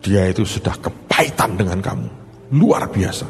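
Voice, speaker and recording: A man's voice: lowish voice, expressive, moderate pace, creaky. A male pastor, preaching a sermon and acting out both sides of a conversation as he tells a story. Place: large church hall. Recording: hall reverb with faint music.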